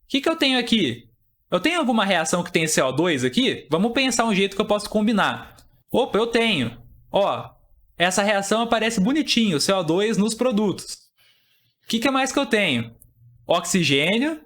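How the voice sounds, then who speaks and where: A man's voice: high-pitched, big pitch swings, moderate pace, a bit bright. A young man teaching an exam-prep chemistry lesson, explaining step by step and asking and answering his own questions.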